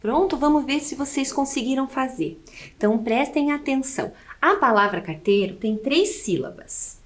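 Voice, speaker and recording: A Brazilian woman teaching a televised class to children, slow and patient, asking the class questions as she goes. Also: high voice, animated. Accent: Brazilian Portuguese.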